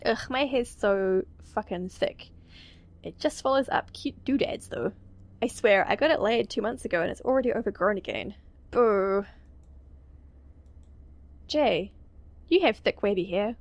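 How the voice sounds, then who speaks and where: A woman reading a visual novel game aloud as a let's play, giggling and dropping quick, casual asides with some swearing. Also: medium pitch.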